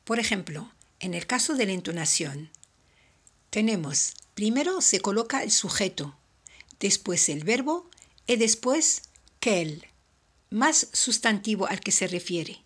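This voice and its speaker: A woman teaching a French lesson, explaining step by step and repeating each example slowly. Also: mid-range voice, sing-song, a bit bright, slightly rough. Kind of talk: slow, careful language lesson.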